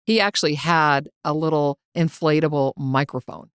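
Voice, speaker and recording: A woman's voice: low voice, fairly even intonation, normal speed, a bit bright, clean tone, dry recording, studio quality. A woman co-hosting a casual teaching podcast, prompting her partner and sharing her own stories. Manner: encouraging, prompts stories, laughs easily. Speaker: co-host. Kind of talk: conversational podcast discussion.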